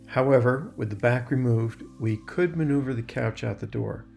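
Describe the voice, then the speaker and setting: A man's voice: mid-range voice, normal speed, creaky, darkish tone. A man reading scripted voice-over narration in a step-by-step, explanatory style. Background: guitar music.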